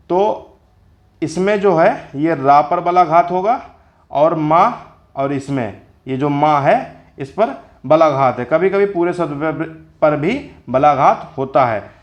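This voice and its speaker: A man's voice: fairly high pitch, highs cut off. A man teaching Hindi grammar in a spoken lesson, explaining step by step and repeating each definition for his viewers. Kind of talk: slow spoken classroom lesson.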